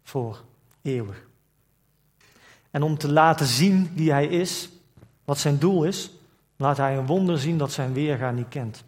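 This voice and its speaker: A man's voice: fairly high pitch, normal speed. A man preaching a sermon, asking reflective questions and reading scripture aloud in old formal wording. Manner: reflective, asks rhetorical questions.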